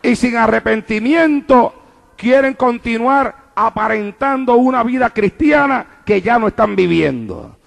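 High, gravelly fervent male preacher. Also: expressive, a little slow. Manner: fervent, repetitive cadence, calls to the congregation. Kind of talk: evangelical sermon. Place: church in New York.

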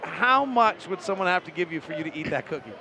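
A man doing live play-by-play for a basketball broadcast, rattling off short clipped calls and rising to shouts on big plays. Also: a little high, expressive, fast talker, noisy background. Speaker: play-by-play commentator.

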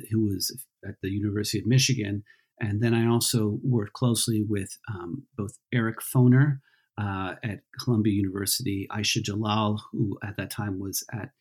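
A man from Peru, a historian, talks through his background as an interview guest. His voice is low and husky, and he pauses often with ums and restarts as he thinks aloud. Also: a little mellow. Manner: thoughtful, many ums and restarts. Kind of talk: casual interview answers.

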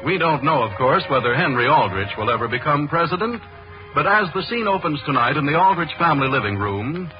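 A man's voice: a little high, very animated, a little fast. Man announcing on an old radio broadcast. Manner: formal, showy announcer delivery. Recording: dull lo-fi old radio recording with music.

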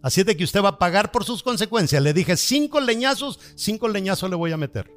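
A man's voice: high-pitched, lively intonation, brisk, a bit bright, faint music behind, pitched above the performer's own voice. A man doing a stern, lecturing mother. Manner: firm, lecturing, insistent. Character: stern mother disciplining her son.

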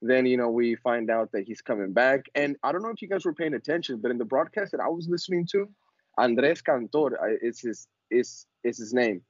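A man's voice: mid-range voice, fairly quick, no room sound. A man hosting a casual sports podcast with slangy frat-bro talk full of "yo", "bro" and "fam". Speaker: podcast host. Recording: slightly dull, close dry lo-fi sound.

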